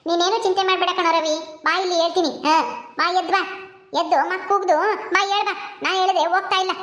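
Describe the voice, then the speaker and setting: Woman doing a mean bossy mother-in-law, fast talker, sneers at everyone, echoey room. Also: very high-pitched, steady tone, fairly bright tone. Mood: scornful. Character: harsh scornful middle-aged mother-in-law. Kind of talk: village family drama acting.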